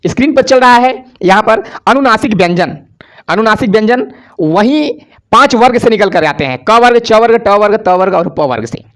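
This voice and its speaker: A man's voice: high-pitched, lively intonation, moderate pace, a bit bright. A male teacher giving a grammar lesson for exam preparation, asking questions and answering them himself, and having students repeat sounds after him.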